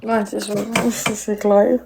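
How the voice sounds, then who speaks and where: A woman's voice: mid-range voice, little pitch movement, takes it slowly, vocal fry, background noise. A woman, reassuring the host as a guest on a livestream. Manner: soothing, reassuring.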